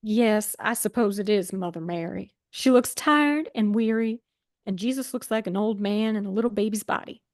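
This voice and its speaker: A woman's voice: medium pitch, moderate pace, no echo, close to an everyday voice. A woman playing a gloomy, blunt young female writer with a Southern accent, reading an improvised script. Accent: American Southern. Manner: blunt, dry, contrary. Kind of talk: improvised role-play reading.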